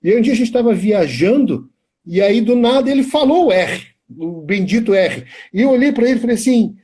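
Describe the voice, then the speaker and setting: A man's voice: sits high, animated, fairly quick, mellow, slightly rough. A middle-aged man with a Brazilian Portuguese accent, a teacher chatting on a live stream, rambling and telling stories with many restarts. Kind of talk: casual chat on a live stream.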